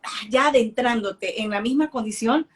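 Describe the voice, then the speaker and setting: A woman's voice: fairly high pitch, moderate pace. A woman co-hosting a casual podcast, backing up her guest and finishing the others' sentences. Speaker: podcast co-host.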